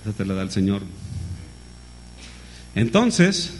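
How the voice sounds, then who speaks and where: A man's voice: fairly low pitch, slow pace, slight background noise. A man preaching a sermon, calling his listeners brother and asking them rhetorical questions. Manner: lively, calls listeners "hermano", many rhetorical questions.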